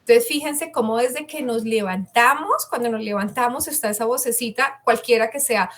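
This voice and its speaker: A woman's voice: a little high, moderate pace, fairly bright tone. A woman giving an online communication masterclass, chatting and putting questions to her audience. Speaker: communication coach.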